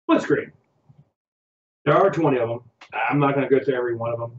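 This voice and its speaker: A man's voice: mid-range voice, fast, echoey room, dull audio. A man co-hosting a casual podcast chat, rambling and hesitant as he goes down a list. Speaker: podcast co-host.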